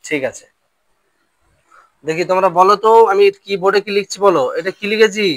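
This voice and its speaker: Man, high voice, Quran teacher, drills letter sounds, asks questions, dry close sound. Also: a little fast, a bit bright, no echo. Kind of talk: classroom lesson on Arabic letters.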